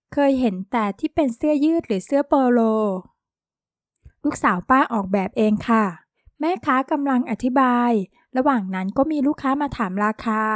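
High-voiced woman reading a story. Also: no room sound, clean studio sound. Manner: even storytelling read. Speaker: audio novel narrator. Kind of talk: scripted narration.

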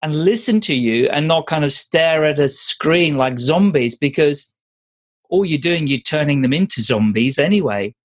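A man co-hosting a podcast, chatting in a relaxed, agreeable manner. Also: fairly high pitch, moderate pace. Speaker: podcast co-host. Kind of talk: casual podcast chat.

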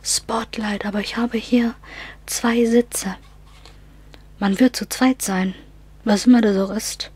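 A woman's voice: on the high side, fairly even intonation, slow pace, pauses often, darkish tone, slightly rough. A woman giving a casual spiritual reading to her viewers. She often drops into a whisper, repeats words and slips in English phrases. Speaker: astrology and card reader.

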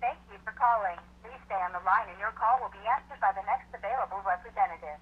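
A woman's voice: medium pitch, quick pace, breathy edge. A woman's recorded phone hold message, making a polite automated announcement over a phone line.

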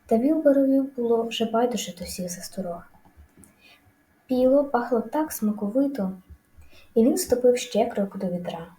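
Woman narrator for a kids' audiobook, mellow, highish voice, lively reading, roomy echo. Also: moderate pace. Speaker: audiobook reader. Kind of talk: storybook narration.

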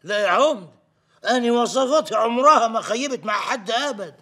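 A sly village folk healer teases and flatters in a high, quick Egyptian voice. He keeps a joking, deferential tone. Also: breathy edge, full character voice. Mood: teasing. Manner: teasing, chuckling, deferential.

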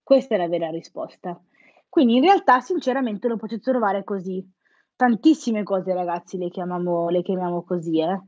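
Speaking in a mid-range, darkish voice at a moderate pace, this English teacher, a native Italian speaker, playfully teases the students watching her live quiz. Her intonation is lively, and the audio is dull, lo-fi stream sound with no room echo.

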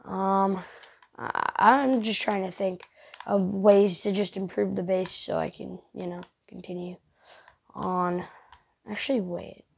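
A woman's voice: mid-range voice, steady tone, slow pace, vocal fry, husky. A tired woman hosting a casual let's-play, rambling and thinking aloud as she plays, often poking fun at herself. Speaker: gaming channel host.

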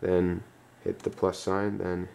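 A man giving a step-by-step tutorial, dictating instructions in short, clipped fragments with pauses between them. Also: low voice, monotone, gravelly, darkish tone. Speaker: tutorial presenter.

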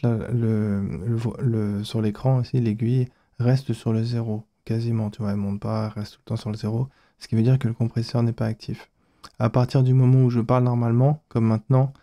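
A man hosting a step-by-step software tutorial, talking straight to the listener and walking through each setting. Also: medium pitch. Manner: explains step by step, addresses the listener as "tu". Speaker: streaming tutorial host. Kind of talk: screen-recorded software tutorial.

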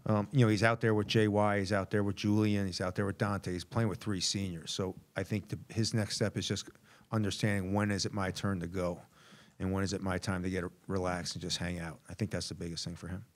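A man's voice: deep voice, level tone, a little fast. A middle-aged man, a basketball head coach, answering reporters candidly at a postgame press conference, repeating words as he thinks, into a table mic.

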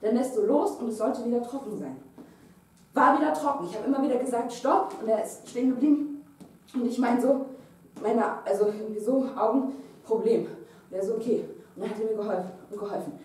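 A woman's voice: fairly high pitch, fast talker. Laughing young woman telling a story. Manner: lively, laughing through her story. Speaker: student storyteller. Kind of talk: improvised comic monologue. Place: classroom stage. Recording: echoey room, mic far off.

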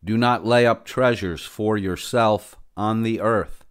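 A man with a very low, deep voice reads scripture slowly and solemnly. He takes his time and leaves long pauses between phrases. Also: smooth. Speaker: scripture reader. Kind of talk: slow scripted Bible reading.

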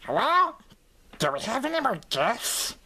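A young man voicing a grumpy, foul-mouthed little toy penguin with a raspy, abrasive delivery. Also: very high voice, wildly swooping pitch, slow, sharp tone, pitched above the performer's own voice, full character voice. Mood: weary, annoyed. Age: young adult. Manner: abrasive, sarcastic swearing. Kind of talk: amateur puppet comedy skit. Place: small bedroom indoors.

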